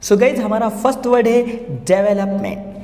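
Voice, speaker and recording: A man hosting an English lesson, explaining syllable division slowly and repeating each word part by part. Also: high voice, a little mellow, soft background music. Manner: slow and repetitive, spells words out syllable by syllable. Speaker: English teacher, channel host.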